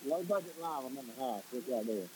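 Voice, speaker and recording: A man calling in as a phone guest, joking dryly in casual banter. His voice comes through a quiet, muffled phone line that sounds like he is inside a barrel. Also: mid-range voice, lively intonation, brisk, husky. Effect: muffled phone call that sounds like it is inside a barrel.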